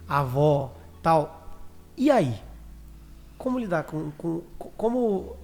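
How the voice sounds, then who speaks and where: Chatty male podcast host, slightly high. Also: big pitch swings, vocal fry, darkish tone. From Brazil. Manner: informal, jokey, halting questions with restarts. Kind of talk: casual interview chat.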